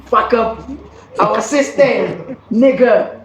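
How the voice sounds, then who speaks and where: Speaking very slowly at an extremely high pitch, a man hosts a podcast in a South African accent, with heavy background noise. The chat is casual and earnest, full of restarts and bits of Zulu, and the room sounds dull and echoey.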